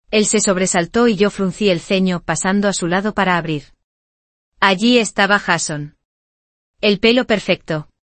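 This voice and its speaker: A woman narrating a first-person dramatic story in an even, steady storytelling manner. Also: mid-range voice, no room sound.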